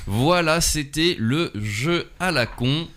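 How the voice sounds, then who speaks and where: A man's voice: fairly high pitch, expressive, fairly bright tone. A man hosting a local radio show, chatting playfully with guests and running a silly game. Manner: playful, quick banter. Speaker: radio host. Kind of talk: casual radio show chat.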